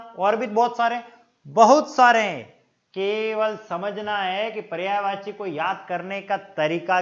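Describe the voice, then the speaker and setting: A man with a Rajasthani Hindi accent teaching an exam-prep Hindi grammar lesson, explaining slowly and repeating words to stress how they are pronounced, calling his viewers friends. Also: sits high, fairly bright tone. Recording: dull lo-fi sound.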